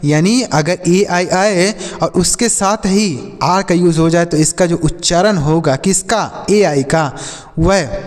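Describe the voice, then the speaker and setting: A high-pitched man leads a classroom-style reading lesson, asking questions and answering them himself as he goes. His voice carries a long, ringing echo from the room. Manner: addresses viewers as dear children. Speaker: English teacher.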